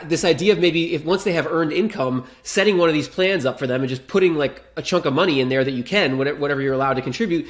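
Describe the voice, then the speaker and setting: A man co-hosting a podcast, asking questions in a casual, candid way. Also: fairly high pitch. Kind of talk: podcast conversation.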